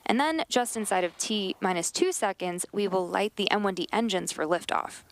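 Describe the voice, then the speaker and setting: A woman's voice: medium pitch, normal speed. A woman hosting a live launch webcast, explaining each step in commentary. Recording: faint background noise.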